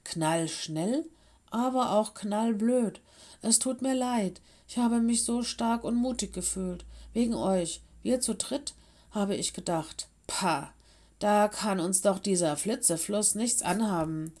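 A woman voicing a brave young female wildcat in a storybook, soft and purring. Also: medium pitch, slow pace. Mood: remorseful.

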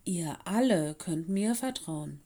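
A woman voicing a calm, warm female cat headmistress in a storybook reading, speaking slowly and reassuringly. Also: fairly low pitch, exaggerated voice. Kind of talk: audiobook reading.

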